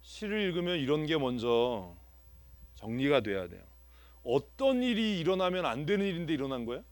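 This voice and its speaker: Lively Korean pastor quizzing his congregation. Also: on the high side, moderate pace, no echo. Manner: asks the congregation questions and repeats answers. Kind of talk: interactive Bible teaching. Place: church sanctuary.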